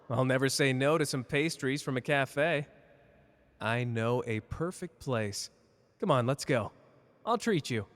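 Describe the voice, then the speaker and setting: Man acting cocky, flirty Gojo in long reverb. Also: mid-range voice. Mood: playful, flirty. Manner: teasing, casual, boastful. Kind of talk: ASMR character roleplay addressed to listener.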